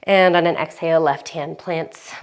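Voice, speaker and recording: A young woman teaching a yoga class, giving calm breath cues with sighs, a bit out of breath. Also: low-pitched, normal speed, smooth. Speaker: yoga instructor.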